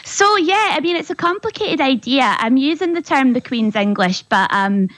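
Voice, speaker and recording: A woman's voice: high-pitched, expressive, moderate pace, fairly bright tone, no room sound, poor audio. A woman linguist on a radio discussion, explaining patiently and often checking in with "right?". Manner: explanatory, tag questions, laughs lightly. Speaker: linguist guest.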